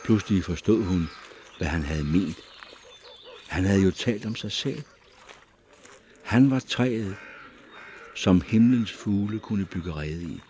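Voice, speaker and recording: Deep-voiced male audiobook narrator. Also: slight background noise. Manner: measured, expressive storytelling.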